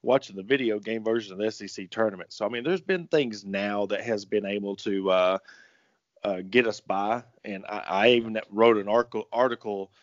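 A man's voice: fairly low pitch, steady tone, brisk. A man talking sports casually as a commentator, in a rambling, folksy way. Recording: roomy, echoing, muffled audio.

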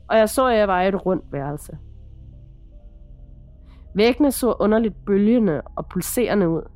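A woman podcast host reading a first-person horror account in a measured, dramatic storytelling manner. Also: mid-range voice, dark tone, dry recording.

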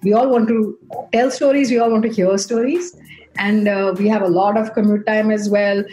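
A middle-aged woman with an Indian accent, a streaming executive on a panel, speaks conversationally, explaining at length and checking in with "right?" and "you know." Her medium-pitched voice is warm with fairly even intonation at normal speed; the recording is rough, with faint music behind.

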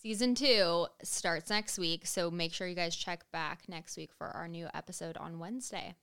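A woman's voice: on the low side, normal speed, fairly bright tone, clear, resonant tone. A woman co-hosting a podcast in a chatty, teasing way. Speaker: podcast co-host. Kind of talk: casual chat.

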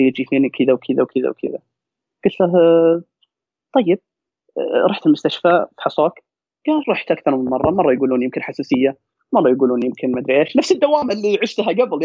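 A Saudi man speaks in a quick, husky rush, piling up repeated words to drive home his advice. His voice sits a bit high for a man. The recording is dry and slightly dull. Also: a little mellow, dry recording. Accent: Saudi Gulf Arabic. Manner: fast, emphatic, repeats words for stress. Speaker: podcast guest. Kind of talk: casual storytelling and advice.

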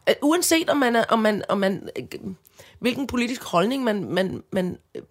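A woman's voice: fairly high pitch, animated. A Danish woman co-hosting a podcast, talking earnestly in casual chat with frequent restarts and fillers. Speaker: podcast co-host.

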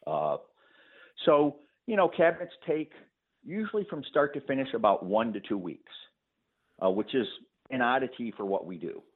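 A man guest on a call-in show explaining his painting business in a relaxed way, with frequent fillers and easy laughs. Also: mid-range voice, normal speed, husky. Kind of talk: phone-in interview. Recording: tinny phone line.

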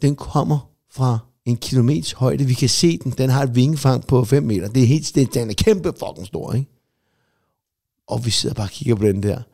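A man's voice: mid-range voice, creaky, darkish tone. A middle-aged man co-hosting a podcast, telling rambling anecdotes in casual chat with plenty of swearing. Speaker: podcast co-host.

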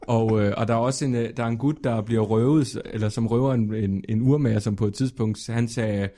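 Sex: man. Role: comedian guest. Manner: lively storyteller who laughs a lot and leaps up in pitch. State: sore, strained voice. Pitch: mid-range. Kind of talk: casual podcast chat.

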